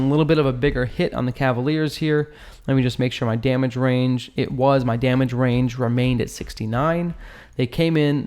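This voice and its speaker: On his gaming channel, a man with a medium-pitched, darkish voice analyses a battle in casual commentary full of informal slang and jokes.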